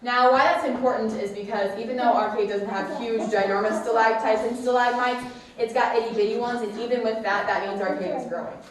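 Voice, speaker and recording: A woman's voice: fairly high pitch, steady tone, a little fast. A woman working as a cave guide, giving a casual, explanatory tour talk to a group inside a cave. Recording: very echoey cave, distant mic, faint noise.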